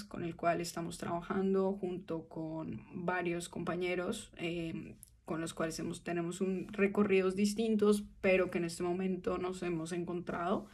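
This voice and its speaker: A woman in her twenties with a Colombian Spanish accent, speaking to camera from a small room about her film project, earnest and thoughtful, with pauses and restarts. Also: fairly low pitch, dark tone. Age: 20s. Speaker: film student pitching her short film. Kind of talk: direct-to-camera appeal. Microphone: phone camera at arm's length.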